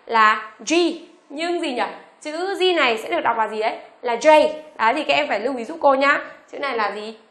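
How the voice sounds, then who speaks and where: A woman teaching an online beginners' lesson, asking the class questions and reading each letter slowly for them to repeat. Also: sits high, a bit bright, reverberant. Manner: asks the class rhetorical questions; reads letters aloud slowly for repetition. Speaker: English teacher.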